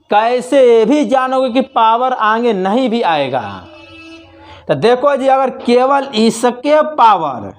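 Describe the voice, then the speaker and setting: Male math tutor, online lecture; unhurried, repetitive, quizzes students, high pitch. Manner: slow, repetitive explaining with questions to students. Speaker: math teacher.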